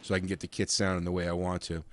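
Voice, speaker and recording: A man with a cold and a raspy voice, walking through software in a casual, halting way with frequent uhs and restarts. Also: low-pitched, monotone, over loud music. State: has a cold. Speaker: software reviewer. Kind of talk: casual screen-share walkthrough.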